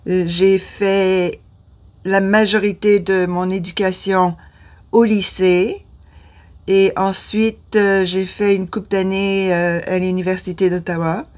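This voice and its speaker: A woman's voice: medium pitch, little pitch movement, takes it slowly, darkish tone. A woman in her fifties from Ottawa with a Canadian French accent, talking to camera in a hesitant way, often losing her words and restarting. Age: 50s. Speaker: vlogger. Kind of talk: casual talk to camera. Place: small room indoors.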